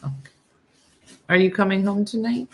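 A woman hosting a casual livestream, chatting with viewers in a listless, low-energy, dry deadpan way. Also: normal speed. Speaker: host of a morning livestream show.

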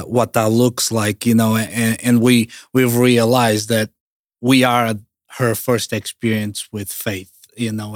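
A man speaking in an earnest, measured, reflective way, as a parent giving a testimonial. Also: on the low side, no room sound, clean studio sound. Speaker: parent interviewee.

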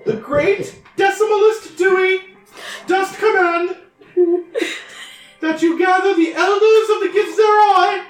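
A man's voice: very high voice, steady tone, slow pace, pauses often, pitched above the performer's own voice. A man voicing a stern, imperious librarian goddess in tabletop role-play, proclaiming in pompous archaic phrases. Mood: grandiose, commanding. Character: stern, grandiose high-voiced goddess of librarians. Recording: echoey room with background music.

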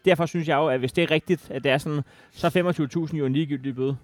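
Guy on a football podcast arguing hard, kinda high voice, dead dry sound. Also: fairly even intonation, dry recording. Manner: argumentative, presses with pointed questions. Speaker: podcast co-host. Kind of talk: heated casual debate.

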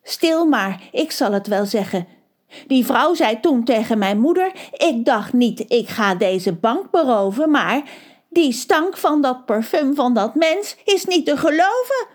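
Storybook role: woman voicing a timid young daughter, higher than her own voice, careful and hesitant. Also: lively intonation, a little slow. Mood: nervous. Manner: hesitant, cautious.

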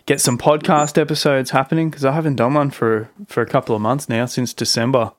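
A man's voice: mid-range voice, steady tone, a little fast, no room sound, studio quality. A man hosting a podcast, chatting in a laid-back, informal way. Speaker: podcast host, musician. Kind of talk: casual chat.

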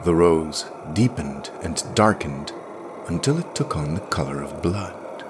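Slow, deep-voiced male storyteller. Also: background noise. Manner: measured, expressive storytelling. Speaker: podcast story reader. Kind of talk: scripted narration.

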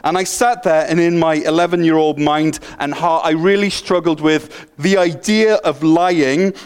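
A middle-aged Welsh pastor speaks with a Welsh accent in a clean-toned, slightly high voice, unhurried and fairly even in intonation. His sermon is humorous and self-deprecating, punctuated by a slight stutter and frequent restarts.

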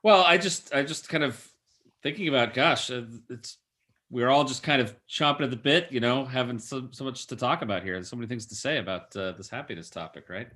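A man hosting a casual podcast chat, with halting, folksy phrasing. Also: medium pitch, bright, forceful tone. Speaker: podcast host.

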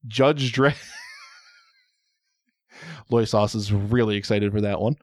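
A man's voice: on the low side, takes it slowly, dry recording, studio quality. Rambling, joking male podcast host. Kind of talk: casual chat.

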